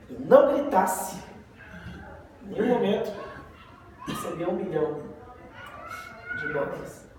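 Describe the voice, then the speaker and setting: A Brazilian man leads a relaxed Bible study, chatting, joking and throwing rhetorical questions at his listeners. His voice sits high, and he stands well back from the mic in a very echoey room. Steady background noise runs under the whole recording. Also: distant mic. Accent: Brazilian Portuguese. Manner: conversational, tells jokes, asks rhetorical questions. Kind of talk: casual Bible study teaching.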